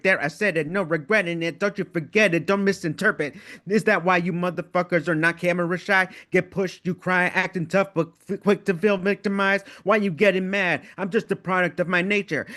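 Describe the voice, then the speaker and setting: A man's voice: high voice, a bit bright. A man performing his own spoken word poetry at an online open mic, with a confrontational, defiant delivery, heard over a video call.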